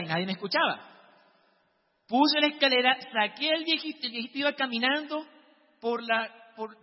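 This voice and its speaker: High-voiced man telling a lively testimony. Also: breathy edge, big-room sound, lo-fi sound. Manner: lively, dramatic storytelling with shouted quotes. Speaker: speaker sharing a testimony. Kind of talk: storytelling testimony.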